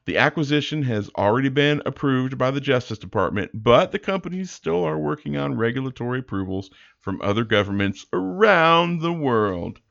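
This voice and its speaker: A man with a creaky, gravelly voice co-hosts a podcast in a casual style. He drops dry, joking asides. The audio is slightly dull and lo-fi. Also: mid-range voice, expressive, moderate pace, hardly any pauses, a bit bright. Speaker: podcast co-host. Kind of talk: casual podcast banter and news reading.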